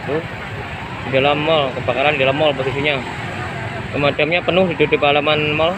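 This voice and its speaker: Holding his phone camera up beside a mall fire on a busy street at night, a citizen reporter vlogger delivers an on-the-spot video report. His slightly high voice has little pitch movement and runs a little fast, while loud street noise surrounds him. He's urgent and repetitive, calling his viewers friends.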